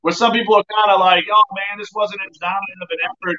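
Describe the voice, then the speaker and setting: A high-pitched man with a bright, sharp voice talks sports over a call. His sound is robotic and tunnel-like, as if through a phone or headset mic. It has thin, lo-fi quality. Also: level tone, quick pace. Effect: robotic, tunnel-like phone-call audio. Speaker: sports podcast co-host.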